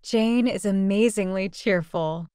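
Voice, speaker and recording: Clear-voiced woman reading practice sentences. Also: mid-range voice, dry recording, studio quality. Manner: clear, even, deliberate delivery of short sentences. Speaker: English practice reader.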